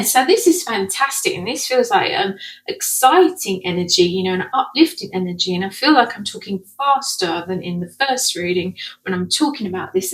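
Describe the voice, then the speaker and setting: A woman from Essex, speaking at a medium pitch on a rough recording, drops her T's into glottal stops. As a spiritual card reader, she gives viewers a casual, rambling intuitive reading, chatting away and often checking in with an "okay?"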